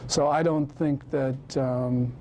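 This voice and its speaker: Impassioned male lecturer, mellow voice. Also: medium pitch, fairly even intonation, takes it slowly, a little hiss or hum. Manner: impassioned, emphatic. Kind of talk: public lecture with audience Q&A.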